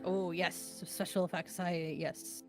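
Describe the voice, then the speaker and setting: A woman's voice: on the low side, little pitch movement, slow pace, darkish tone, faint music behind. A woman playing in a tabletop game, talking in character with stammers and giggles.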